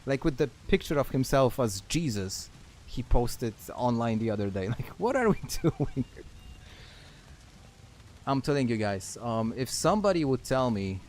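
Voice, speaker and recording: A man's voice: mid-range voice, very animated, measured pace, darkish tone, a little hiss or hum. A man from Poland chatting casually with viewers while streaming a game, laughing often and trailing off mid-thought. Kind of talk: casual chat while gaming.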